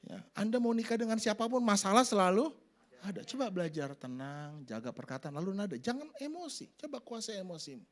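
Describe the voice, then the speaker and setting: A middle-aged man preaches a sermon. His voice sits high and swings widely. He acts out little family scenes, jumping into loud, shrill voices. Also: sing-song, brisk. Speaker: pastor.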